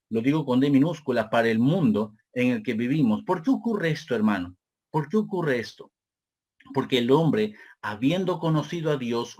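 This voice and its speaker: A man with a Peruvian Spanish accent preaching a sermon, repeating phrases and calling listeners brother, slowing down for key points. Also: medium pitch. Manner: slows down deliberately for key points.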